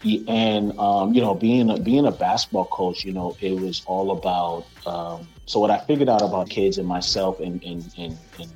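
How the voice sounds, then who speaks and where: A man's voice: low-pitched, normal speed, few pauses, faint music behind, rough recording. A middle-aged man with a slight lisp, a basketball coach chatting casually as a guest and acting out quoted voices as he tells stories. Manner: animated storyteller, acts out quotes, many restarts. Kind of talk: casual chat.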